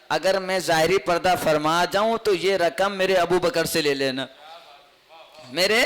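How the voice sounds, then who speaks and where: A man's voice: sits high, pushed and bright. A man with a Pakistani Urdu accent tells a devotional story as a sermon, emotive and repeating lines for emphasis. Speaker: religious speaker.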